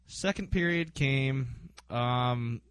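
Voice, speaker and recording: A man's voice: mid-range voice, slow, fairly bright tone, clear, resonant tone, dry recording. A man hosting a casual sports podcast, recapping games with frequent ums and hesitations. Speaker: podcast host.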